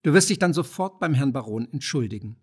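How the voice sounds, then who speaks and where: A man reading the lines of a flustered middle-aged mother who scolds and pleads with her son in a husky voice. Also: medium pitch, lively intonation. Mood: pleading. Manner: pleading, hurried, maternal.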